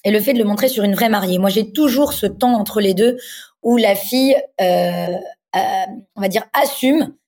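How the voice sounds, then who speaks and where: A woman in her thirties from France, a designer speaking as a guest in a relaxed interview, passionate and pausing often on fillers. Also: medium pitch. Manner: passionate, hesitant with frequent fillers. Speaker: guest, wedding dress designer. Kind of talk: casual interview chat.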